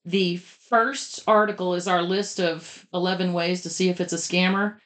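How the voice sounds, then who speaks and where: A woman giving step-by-step advice in a conversational interview, talking quickly and in detail. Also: on the low side, fairly even intonation, fairly bright tone. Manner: brisk, explains step by step, talks fast. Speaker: guest expert on publishing scams.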